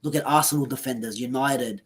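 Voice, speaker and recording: A man from Australia co-hosting a casual football podcast, animated and mocking rival fans, laughing often. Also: mid-range voice, brisk. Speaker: podcast co-host.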